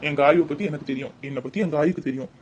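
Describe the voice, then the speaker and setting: A young newlywed husband coaxes and reassures his silent wife, as a man voices him for a cartoon. He talks earnestly in a somewhat high voice. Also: very fast, slight background noise, close to an everyday voice. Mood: pleading. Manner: coaxing, pleading, earnest. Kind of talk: cartoon voice acting.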